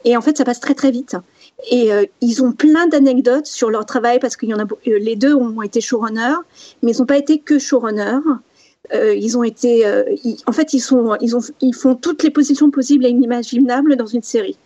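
A woman speaks on a casual podcast panel, her voice fairly high and mellow in tone. She hesitates and restarts often, filling the gaps. The recording is dry and dull, like lo-fi podcast audio. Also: a little fast, dry recording. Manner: hesitant, many fillers and restarts.

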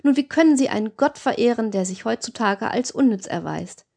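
A woman's voice: fairly high pitch, expressive, a little fast, creaky, a little mellow. A woman voicing a brutal male robber chief who lectures with cold, sneering arguments.

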